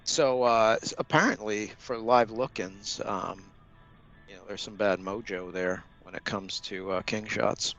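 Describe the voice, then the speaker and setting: A man's voice: lowish voice, fairly even intonation, unhurried, a bit bright, faint music behind. A man giving casual live sports commentary, laid-back with dry humor. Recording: dull lo-fi audio.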